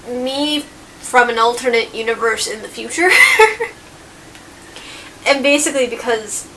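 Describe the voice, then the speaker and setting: A young woman vlogging casually, telling a story while she eats, in an unhurried, chatty way. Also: fairly high pitch, bright, forceful tone, far from the mic, slight background noise, poor audio.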